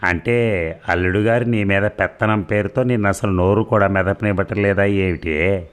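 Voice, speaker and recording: A man voicing a talkative older aunt in a comic story, asking fussy, prying questions in a low voice. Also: steady tone, normal speed, close to an everyday voice.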